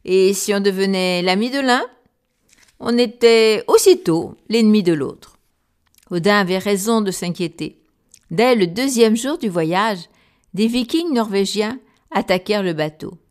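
A woman narrating a children's story in a clear, gentle storytelling manner. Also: mid-range voice, lively intonation, unhurried.

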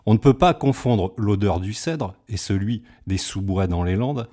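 A man's voice: fairly low pitch, expressive, normal speed, dark tone. A man trading comic banter and reading poetic verse in a playful, self-mocking way. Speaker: comic performer.

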